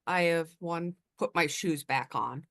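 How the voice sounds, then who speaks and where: A woman playing a tabletop game, slowly describing what her character does. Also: on the low side, creaky, fairly bright tone. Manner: slow and deliberate. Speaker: player.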